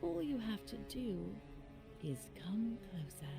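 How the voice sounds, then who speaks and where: A woman's voice: on the high side, sing-song, slow pace, vocal fry, heavily acted. A woman playing a possessive, hungry female sea creature who seduces mortals in a sultry, tempting game performance. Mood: coaxing, luring. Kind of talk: video game voice acting. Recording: music playing behind.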